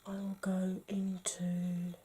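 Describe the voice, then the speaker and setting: A British woman talking through a makeup tutorial, chatty and playful, often dropping to a soft murmur. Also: fairly low pitch, completely flat delivery, slow, noisy background. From United Kingdom. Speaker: beauty vlogger.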